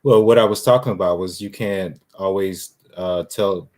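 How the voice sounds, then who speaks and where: Low-voiced laid-back man from the US South. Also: fairly even intonation, moderate pace, darkish tone. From southern United States. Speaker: artist guest. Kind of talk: casual interview talk.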